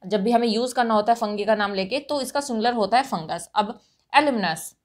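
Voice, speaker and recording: A woman's voice: a little high, brisk. A woman with an Indian accent, teaching English grammar for competitive exams, explaining patiently and checking in often. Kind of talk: exam-prep grammar lesson.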